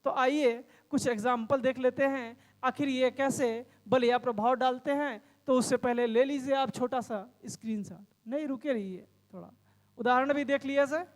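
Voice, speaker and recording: A high-voiced male grammar teacher lectures in a room with long, ringing reverb. His tone stays steady and his pace moderate as he works through the material step by step, asking the class questions and then answering them himself.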